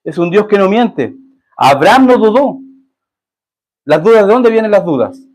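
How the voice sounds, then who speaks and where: A man pastor preaching a sermon in a church, talking to the congregation with rhetorical questions and reading scripture verses slowly with rising emphasis. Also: sits high, sing-song, a little mellow. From Chile. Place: church sanctuary.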